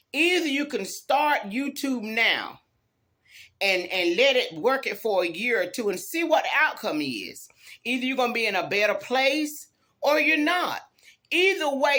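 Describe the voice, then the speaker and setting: A weary vlogger just off work delivers a relaxed but emphatic pep talk on YouTube, folksy and fond of saying things twice. Her fairly high voice is bright and forceful.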